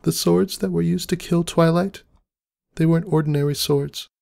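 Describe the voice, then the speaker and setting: A man voicing a grieving young female pony in a high, strained falsetto, tearful and pleading, in a fan fiction reading. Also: fairly even intonation, moderate pace, gravelly, dark tone.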